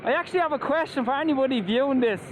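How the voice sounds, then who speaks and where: A scooter reviewer from Ireland talks very fast in a very high-pitched voice as he rides an electric scooter along roads, wearing a helmet and mask. His Irish-accented, enthusiastic ride-along vlog chatter competes with road noise from traffic and wind.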